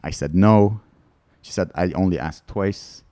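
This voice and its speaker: A man's voice: sits low, moderate pace, mellow, dry recording. A male comedian guest chatting casually on a podcast, telling candid, rambling stories and laughing between lines. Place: studio.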